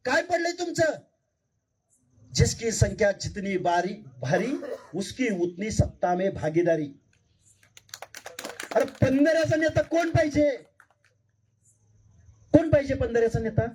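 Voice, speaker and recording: A man with a raised, high-pitched voice delivers a fiery speech at a public meeting, caught from a distance by the microphone. He pleads earnestly with the crowd and keeps hammering them with rhetorical questions. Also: a little mellow. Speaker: political speaker at a public meeting. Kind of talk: fiery political rally speech.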